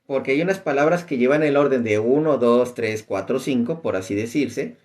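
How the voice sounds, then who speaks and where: A man teaching an informal class on the Bible, talking loosely and often pausing on "este". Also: mid-range voice, a little mellow. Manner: conversational, many fillers like "este".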